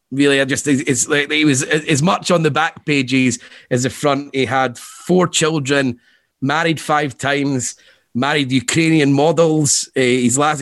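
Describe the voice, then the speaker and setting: Man, rambling football chat, laughs a lot, mid pitch, dry close mic. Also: a bit bright, no echo. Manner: rambling, self-interrupting, laughs often. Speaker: podcast co-host.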